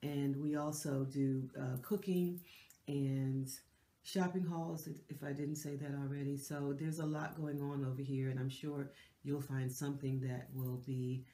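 Her voice rumbles low with a level tone, a little slow, echoing around the room. She's a middle-aged lifestyle host talking warmly and casually to camera in a decorated living room, nasal and stuffy from a cold, with many fillers and restarts.

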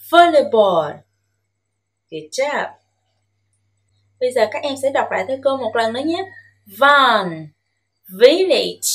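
A woman from Vietnam teaching English to young children, modelling words slowly and emphatically for them to repeat and coaxing them with gentle questions. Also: sits high. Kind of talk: bilingual classroom lesson with listen-and-repeat drills.

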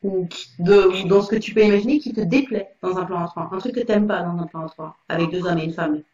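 A woman's voice: lowish voice, fast, dark tone, highs cut off. A woman interviewing people casually over a video call, rephrasing her questions to probe further.

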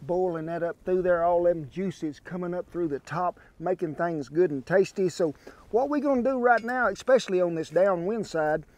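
Brief Older Southern man in his sixties, folksy cowboy drawl, slightly high voice, demonstrating cooking outdoors on a lapel mic. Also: normal speed, a little mellow, no room sound. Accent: Southern US (Oklahoma). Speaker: cooking show host. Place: outdoor ranch camp by a pond, windy. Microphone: wireless lapel mic.

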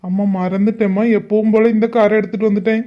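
A woman's voice: mid-range voice, flat delivery, fast talker, dull audio, natural voice. A woman voicing a meek, deferential male family driver.

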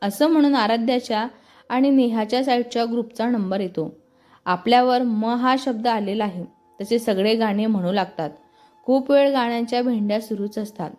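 A woman narrating a story in a steady, descriptive storytelling manner. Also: on the high side, moderate pace, soft background music.

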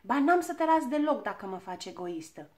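A woman's voice: a little high, very animated, darkish tone. A woman voicing quarrelling little girls in a children's storybook reading, hissing and bickering. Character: squabbling little girls, sharp-tongued.

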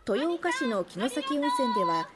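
A woman's voice: high-pitched, sing-song, unhurried, very noisy. A young woman presenting scripted news narration as a television news presenter. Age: young adult.

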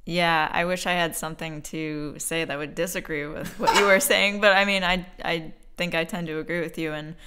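A woman's voice: low voice, fairly even intonation, moderate pace, few pauses, sharp tone, slight background noise. A woman from the United States taking part in a casual discussion, thoughtful and agreeable. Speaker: guest.

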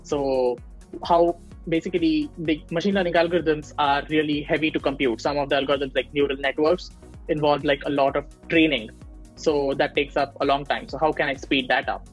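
A young Indian man, a machine learning engineer appearing as a guest in a casual video-call interview, explains his field with lots of fillers and restarts. His voice is fairly high with fairly even intonation at a normal speed. He's on earbuds in a small room at home, and the rough recording carries faint background music.

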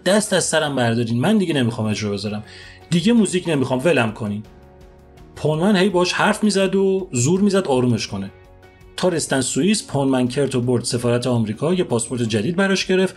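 A man hosting a podcast, retelling a story in a lively, colloquial, dramatic way. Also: a little high, slightly rough. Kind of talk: casual spoken storytelling podcast.

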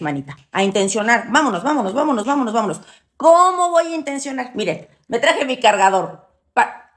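A woman with a Mexican accent teaching a ritual in a loud, boisterous, chatty way, full of teasing slang and endearments. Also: a little high. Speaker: witchcraft teacher. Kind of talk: casual spoken tutorial.

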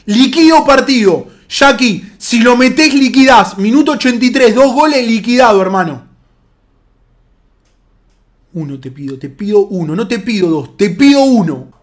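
A man with a Rioplatense Spanish accent commentating his own football video game match live, excitable, swearing and yelling at his players. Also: very high-pitched, normal speed.

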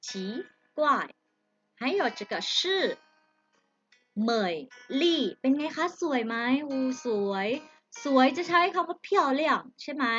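A woman's voice: sits high, fairly bright tone, lo-fi sound. A woman teaching Chinese vocabulary to children. She speaks patiently, draws out each syllable and addresses the kids directly. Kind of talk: slow vocabulary lesson with repeat-after-me drills.

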